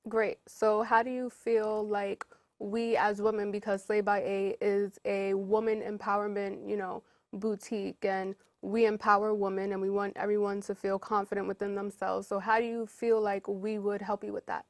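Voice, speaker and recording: Woman host, encouraging interviewer, middle pitch, dry recording. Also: flat delivery, dry recording. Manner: upbeat, encouraging, quick follow-up questions. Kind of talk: casual interview.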